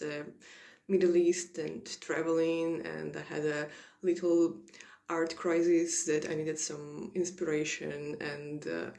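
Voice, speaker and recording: Fields: Sex: woman. Origin: Ukraine. Pitch: very low. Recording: roomy echo. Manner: hesitant. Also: darkish tone. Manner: hesitant, many filler sounds. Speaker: illustrator and painter. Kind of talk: personal artist statement.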